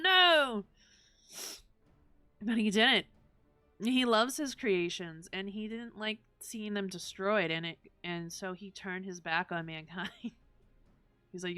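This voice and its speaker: A woman's voice: medium pitch, pushed and bright, clear, resonant tone, no echo. A young woman from the American South with a Southern twang, chatting casually and swearing freely as she streams a game. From Southern United States. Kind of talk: casual gaming stream chat.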